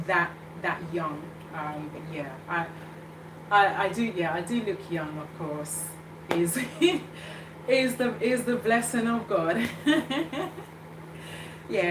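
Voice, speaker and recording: A woman's voice: medium pitch, roomy sound, recorded from a distance, background noise. A woman in her thirties hosting a casual live chat, hesitant and full of fillers and restarts. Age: 30s. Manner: hesitant, many fillers and restarts, laughs often. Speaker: show host reading live comments.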